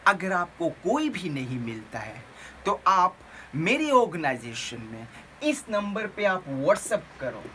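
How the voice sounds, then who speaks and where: A woman's voice: fairly low pitch, sing-song, slow pace, pushed and bright, a little hiss or hum, poor audio. A woman giving an earnest lesson as a teacher, repeating her points and correcting herself as she goes. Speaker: English teacher, runs a tutoring organization. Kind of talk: video lesson with tips.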